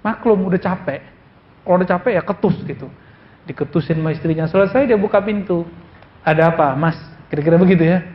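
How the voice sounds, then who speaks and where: A man's voice: sits high, fast talker. A man preaching a sermon in a casual storytelling way, acting out the quotes he tells. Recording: roomy, dull lo-fi recording with faint noise.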